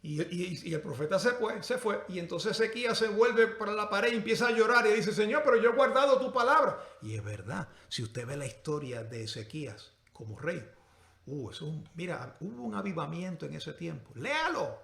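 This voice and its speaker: A man's voice: on the high side, big pitch swings, normal speed, gravelly, a bit bright, roomy sound. A man preaching a sermon as a pastor, with impassioned, rising and falling delivery and direct rhetorical questions to his congregation.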